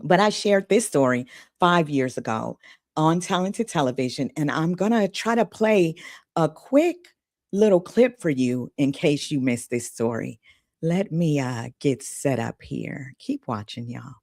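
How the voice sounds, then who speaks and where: A woman's voice: low voice, expressive, unhurried, darkish tone, no room sound, studio quality. A woman hosting her own podcast, telling a personal story in a chatty, candid way and speaking straight to her listeners. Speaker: podcast host.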